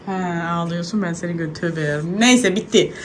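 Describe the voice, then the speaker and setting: A woman's voice: fairly low pitch, normal speed. Turkish mom vlogging at home, chatty, talks to her kids too, a little noise behind. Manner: chatty, talks to viewers while cleaning, scolds and coaxes kids. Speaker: vlogger, mother. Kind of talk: casual home vlog.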